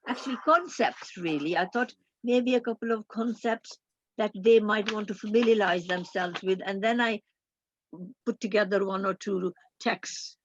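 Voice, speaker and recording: An older woman, a guest academic in a roundtable discussion, speaking in a measured, thoughtful way with frequent pauses. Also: medium pitch, muffled recording, slight background noise.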